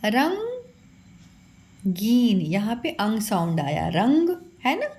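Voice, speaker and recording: A woman's voice: fairly high pitch, wildly swooping pitch, slow pace, darkish tone. A woman teaching children a phonics lesson, patiently sounding out each syllable and calling her pupils "beta".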